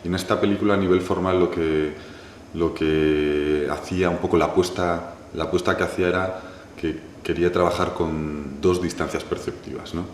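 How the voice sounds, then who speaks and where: Very deep-voiced filmmaker, reflective. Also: male voice, fairly even intonation, slight background noise. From Galicia, Spain. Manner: thoughtful, many pauses, restarts and "¿no?" tags. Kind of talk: reflective interview answer. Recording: echoey room with faint ambience.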